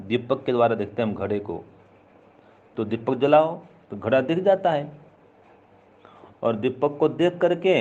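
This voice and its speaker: A man's voice: medium pitch, a little mellow, dull audio. Man patiently explaining an old text. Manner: patient, repetitive explaining with examples. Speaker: philosophy teacher.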